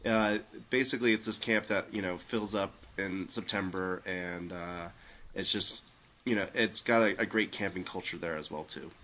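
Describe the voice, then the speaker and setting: A man's voice: low-pitched, moderate pace, fairly bright tone. A man with a New Jersey accent, co-hosting a casual chat podcast and rambling with lots of fillers. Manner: rambling, many fillers and restarts. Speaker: podcast co-host.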